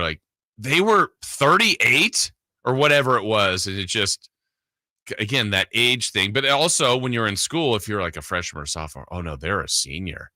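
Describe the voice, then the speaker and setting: On a close studio broadcast mic, a man hosting a sports radio show chats in a casual, rambling, conversational way. His voice is lowish, bright and forceful, with no room sound.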